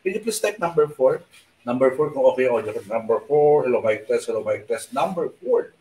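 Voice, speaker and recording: A man hosting a live stream, telling a rambling travel story in a soft voice with lots of fillers. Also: medium pitch, animated, a little fast, roomy sound, recorded from a distance, rough recording. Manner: speaks softly on purpose at night. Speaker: online show host. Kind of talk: casual live-stream chat.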